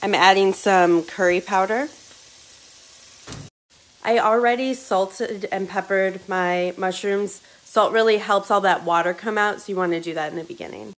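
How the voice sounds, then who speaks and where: An eager home cook talks through a casual vlog, filming on the phone in her hand. Her medium-pitched voice keeps a moderate pace and fairly even intonation.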